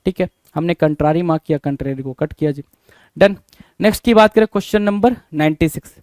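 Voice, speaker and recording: Man spelling words aloud, crisp voice. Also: fairly high pitch, brisk, a little mellow, dry recording. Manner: repeats questions to students and answers them. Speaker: teacher. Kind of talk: spelling lesson.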